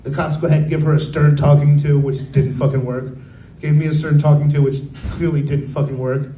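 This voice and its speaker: A young man telling a profane, laid-back stand-up story at an open mic, slipping into quick voiced quotes. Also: on the high side, level tone, dark tone, a little hiss or hum. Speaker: stand-up comedian. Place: open mic at a coffee bar. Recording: roomy live venue sound.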